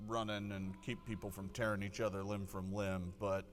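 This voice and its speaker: A man's voice: lowish voice, level tone, moderate pace, over music, pitched below the performer's own voice, natural voice. A man voicing an exasperated town-drunk guard sergeant in a live tabletop game, rambling and stammering over repeated words. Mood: reluctant. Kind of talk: live tabletop role-play.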